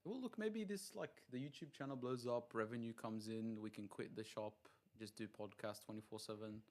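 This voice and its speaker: A man speaking as a guest on a casual podcast, in a flat, monotone, disinterested-sounding voice. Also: on the low side, normal speed. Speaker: podcast guest, card vendor and streamer.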